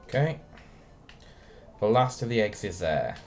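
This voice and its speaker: A man's voice: lowish voice, very animated, a little slow, soft background music. Wry man streaming a game. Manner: dry, wry, chatting to viewers by name. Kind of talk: casual live-stream chat while playing.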